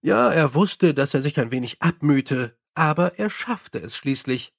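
A man reading a novel aloud as an audiobook narrator, with expressive, lively storytelling. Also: on the high side, measured pace, creaky. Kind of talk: scripted narration.

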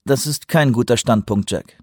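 A man voicing a thoughtful, pious male president in an audiobook, measured and slow. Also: mid-range voice, dry recording, studio quality, close to an everyday voice.

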